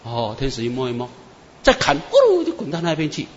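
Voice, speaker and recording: A man preacher, telling dream testimonies in an animated storytelling sermon. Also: medium pitch, fast talker, a little hiss or hum. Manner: animated storyteller, many "啊" and "哈" tags. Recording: echoey muffled hall with faint ambience.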